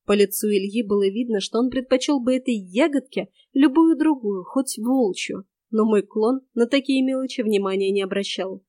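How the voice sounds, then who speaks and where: A woman reading a first-person fantasy audiobook in a lively, wry, expressive way. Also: on the high side, normal speed, hardly any pauses, no room sound, studio quality. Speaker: audiobook narrator.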